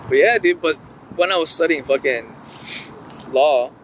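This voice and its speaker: A man's voice: a little high, measured pace, highs cut off, background noise. A young man in casual podcast chat, talking like a frat bro with plenty of swearing and slang. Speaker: podcast host.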